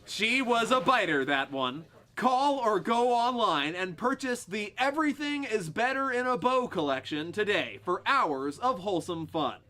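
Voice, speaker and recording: A man voicing a smooth male TV spokesman with a salesy pitchman delivery. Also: sing-song, unhurried, hardly any pauses, bright, forceful tone, exaggerated voice. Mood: sly.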